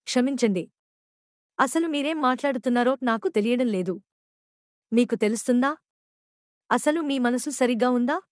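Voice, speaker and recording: A woman's voice: on the high side, normal speed, long pauses, no room sound, clean studio sound, natural voice. A woman voicing a flustered young man, an anxious family friend who pleads and stammers in a storybook reading. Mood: puzzled.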